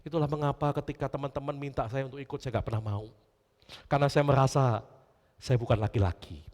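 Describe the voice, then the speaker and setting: A male pastor preaching a storytelling sermon, often turning to his congregation and swinging between loud emphasis and hushed lines. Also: mid-range voice, brisk. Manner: animated storytelling, often addressing listeners as brothers and sisters. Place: church. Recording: long church reverb.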